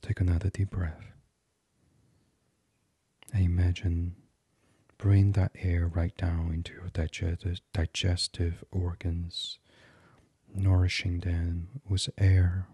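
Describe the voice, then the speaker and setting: A man's voice: low voice, level tone, slightly rough, no echo. A man leading a guided meditation in a soothing voice that often drops to a whisper. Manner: slow, soft and soothing, drifting into whispers.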